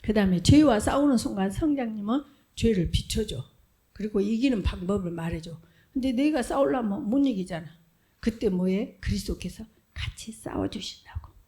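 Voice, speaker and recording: A woman preaching an animated sermon to a Sunday school, asking questions and answering them herself, often dropping into whispers. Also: medium pitch, normal speed. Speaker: children's ministry preacher. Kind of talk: lively sermon with acted-out voices.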